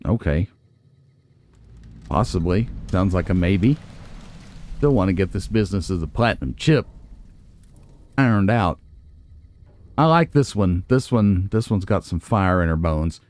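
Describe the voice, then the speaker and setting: A let's play host with a low, animated, slightly mellow voice muses aloud during a casual video game playthrough, reading and reacting as he goes. He's unhurried, leaves long pauses, and tosses wry asides to viewers.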